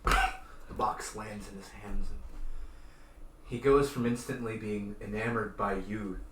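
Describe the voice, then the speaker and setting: Laid-back low-voiced male game master. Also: steady tone, a little slow, fairly bright tone. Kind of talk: narrating a tabletop game. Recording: echoey room, voice from a distance, background noise.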